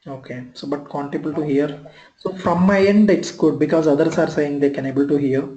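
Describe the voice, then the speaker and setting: A man, recorded off an online class through screen capture, his voice a touch higher than most men's. The sound is roomy and echoey, as a laptop call tends to be. He teaches in halting, repeated phrases and keeps checking that his listeners follow. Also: steady tone, mellow, dull audio, slight background noise. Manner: halting, repeats himself, often checks "you are clear?". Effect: heard through a screen recording of an online class session. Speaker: software trainer. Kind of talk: live online training lecture.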